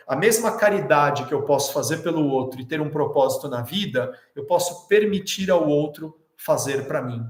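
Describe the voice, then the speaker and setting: A man giving a motivational lecture to an audience, animated, with rhetorical questions and direct address. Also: a little high, reverberant.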